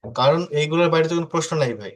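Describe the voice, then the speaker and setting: A man's voice: fairly high pitch, rapid-fire. Patient man drilling English words. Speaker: English tutor. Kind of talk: online class teaching.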